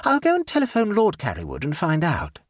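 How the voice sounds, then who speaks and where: A man's voice: a little high, huge pitch swings, a little fast, no room sound, clean studio sound, pitched above the performer's own voice. A man voicing a cheerful, absent-minded society woman who chatters and rambles. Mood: breezy. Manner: breezy, rambling.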